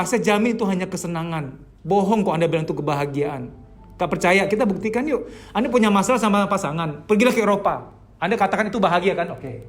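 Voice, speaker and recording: A man who works as a therapist, giving a lively, casual seminar lecture and speaking straight to his listeners. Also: sits high. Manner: animated, acts out quoted thoughts in a raised voice; casual, conversational, addresses listeners directly.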